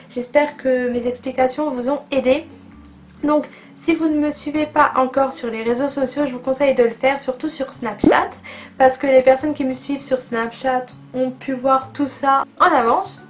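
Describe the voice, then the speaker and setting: A woman chatting enthusiastically in a casual beauty vlog, reviewing makeup products with plenty of fillers. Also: sits high. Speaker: beauty vlogger.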